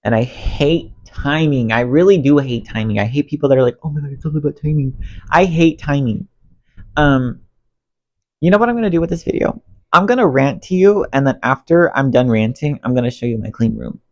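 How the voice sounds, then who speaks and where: With a brisk pace and a mid-range voice, a man vlogs an emotional, rambling rant while cleaning his bedroom, congested and his voice going. He talks to himself in expressive swings. The phone on a stand under a ring light gives a muffled recording.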